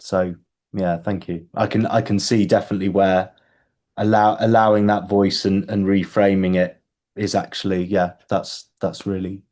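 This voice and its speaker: Reflective man thinking out loud, lowish voice. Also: little pitch movement, normal speed. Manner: thinks out loud with many restarts and repeated words. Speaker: book club host. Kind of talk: casual group video call.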